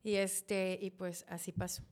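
A woman's voice: on the low side, unhurried. A woman, a podcast guest, telling an emotional personal story and acting out past conversations. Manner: animated, laughs often, retells dialogue.

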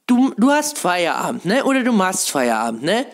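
A man's voice: high-pitched, wildly swooping pitch, moderate pace, a bit bright. A man hosting his own video show, rambling through casual game commentary with lots of fillers and pet phrases, a frog in his throat. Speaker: video host.

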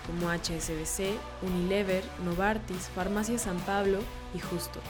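Woman announcer, scripted promo read, medium pitch, music underneath. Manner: polished promo delivery. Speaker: show announcer. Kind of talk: scripted show introduction. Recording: music bed behind the voice.

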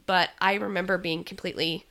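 Chatty woman with a gravelly edge. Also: on the low side, fairly even intonation, a little fast, pushed and bright. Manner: chatty, many ums, laughs easily. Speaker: podcast co-host. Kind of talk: casual chat.

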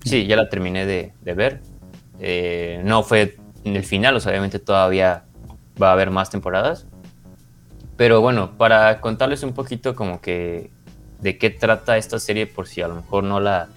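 Soft background music plays as a podcast co-host with a Mexican accent casually reviews a series. He speaks at normal speed in a lowish, fairly bright voice, frequently rewording his explanations along the way.

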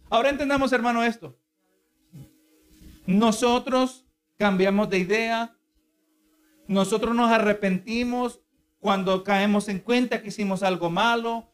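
A man preaching a sermon in a teaching tone, asking the congregation rhetorical questions. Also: high-pitched.

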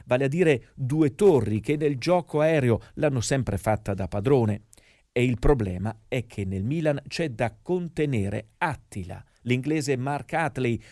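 A man's voice: mid-range voice, darkish tone, no room sound, studio quality. A man narrating scripted football history in a dramatic storytelling manner.

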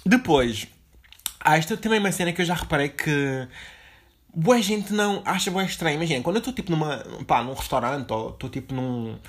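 Fast-talking young Portuguese man podcasting. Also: a little high, expressive. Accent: European Portuguese. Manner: rambling, chatty, slangy with many fillers. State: dizzy and low on energy after waking up. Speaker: podcast host. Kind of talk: casual solo podcast monologue.

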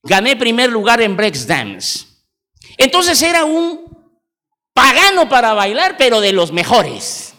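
A Mexican pastor in his forties with a high voice, preaching in an animated, emphatic storytelling style. His words carry through the long reverb of a large church hall. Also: slow pace. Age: 40s. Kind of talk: sermon.

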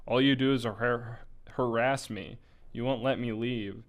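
A man's voice: medium pitch, fairly even intonation, unhurried, muffled recording, natural voice. A man voicing a sobbing young woman on the radio. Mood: distraught.

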